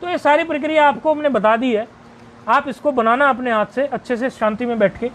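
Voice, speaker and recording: With slight background noise, a man whose voice is very high-pitched and fairly bright teaches Sanskrit grammar on video. Step by step, he questions and answers himself, then slowly recites a list of word forms.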